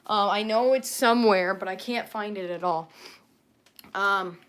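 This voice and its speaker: A woman's voice: mid-range voice, unhurried, fairly bright tone. Flustered woman rambling on a livestream. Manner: rambling and flustered, full of ums. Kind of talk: casual livestream chat. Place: at home.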